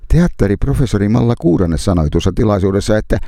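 A middle-aged pastor reads a scripted essay in a low, gravelly voice. His pitch swings widely as he builds rhetorical points with long, deliberate pauses. The sound is dry and close. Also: animated, mellow, no room sound. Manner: measured, rhetorical delivery with dramatic pauses. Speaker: pastor and public speaker.

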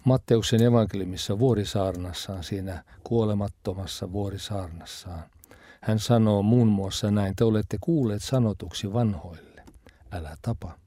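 A man delivers a sermon in a low, mellow voice. He speaks in a measured, reflective way and often sinks to a soft near-whisper to stress a point. The sound is dry and close, with no room echo. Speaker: preacher.

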